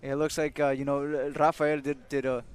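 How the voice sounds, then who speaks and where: A man's voice: mid-range voice, level tone, normal speed, smooth. A man giving casual analysis as a boxing commentator, with faint noise behind him.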